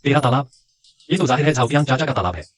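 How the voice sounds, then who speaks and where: A man's voice: mid-range voice, lively intonation, rapid-fire, no room sound, close to an everyday voice. A man voicing a shrewd young man who stands up to a bully and plans his revenge in a dubbed drama. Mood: defiant. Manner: defiant, determined.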